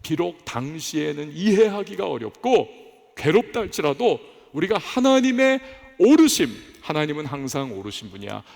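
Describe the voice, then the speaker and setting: A man's voice: a little high, sing-song, moderate pace, gravelly, darkish tone, soft background music. A man preaching a sermon as pastor, speaking emphatically and often putting questions to the congregation. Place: church sanctuary. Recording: echoey church hall.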